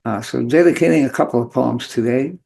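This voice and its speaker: Man, hoarse and beat-up voice, heavy fry, medium pitch, informal host monologue, halting and rambling. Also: a little mellow. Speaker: host of a spirituality show.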